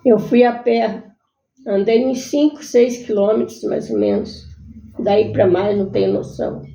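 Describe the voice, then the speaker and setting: A woman telling her own life story in a halting, earnest way. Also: mid-range voice, gravelly, dark tone. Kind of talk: personal storytelling. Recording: echoey room, muffled sound.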